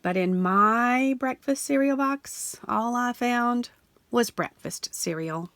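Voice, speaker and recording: A woman reading a children's picture book aloud in an animated storytelling way, slowing down and sinking low on the repeated refrain. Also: dry recording. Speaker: storybook reader.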